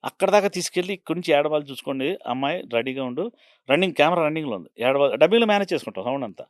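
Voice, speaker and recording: Fast, higher-voiced man in an interview, dry close sound, middle-aged, acts out everyone's lines. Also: expressive, no echo. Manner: acts out quoted dialogue, slips into Tamil impressions. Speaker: film art director and actor, interview guest. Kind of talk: animated storytelling interview. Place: Telugu film channel interview.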